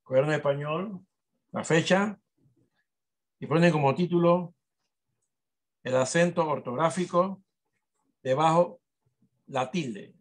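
Male teacher, fairly high voice, steady classroom dictation, sometimes drifts from the mic. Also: takes it slowly, pauses often. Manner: instructive, repeats and checks with "¿verdad?".

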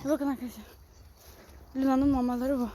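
A woman's voice: sits high, little pitch movement, fairly quick, a little hiss or hum. A woman talking casually to her viewers while walking her dogs outdoors on a muddy farm. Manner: talks to viewers, then shouts sharp commands at the dogs. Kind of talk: casual vlog talk to viewers.

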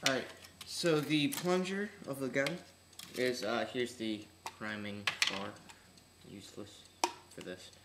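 A man's voice: medium pitch, takes it slowly, pauses often. A teenage man with slightly odd articulation from braces, giving an offhand, slangy, unscripted demonstration for a casual home vlog. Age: teens. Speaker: hobbyist video host. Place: large room at home, indoors. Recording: echoey room, noisy webcam-style audio.

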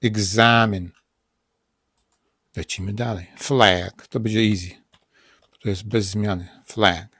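A man with a Polish accent teaching English pronunciation in a casual spoken lesson, saying words over and over slowly. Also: fairly low pitch, steady tone, a bit bright, breathy edge, no room sound, studio quality. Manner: repeats words slowly, drilling them aloud.

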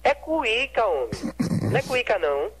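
A man answering a landline phone call at a rehearsal studio, talking bluntly and quick to take offense. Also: very high voice, sing-song, a bit bright, slightly rough. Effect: heard over a landline phone call. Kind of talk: casual phone conversation.

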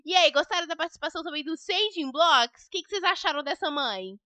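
A woman's voice: very high voice, expressive, fast talker, pushed and bright, no room sound. Upbeat Brazilian woman host. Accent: Brazilian Portuguese. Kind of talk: casual game video chat.

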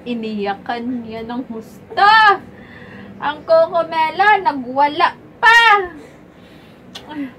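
In a home vlog, a mom speaks to the camera and her baby in a high-pitched, animated, fairly bright voice, taking her time. Casual chat with viewers alternates with bursts of playful baby talk, and there's a slight hiss or hum in the recording.

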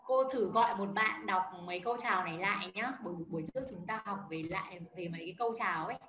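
A fast-talking woman with a mid-range, fairly bright voice teaches an online beginner language class over video call. She explains things step by step and calls on students by name, and the sound is echoey, dull, lo-fi, and faintly noisy.

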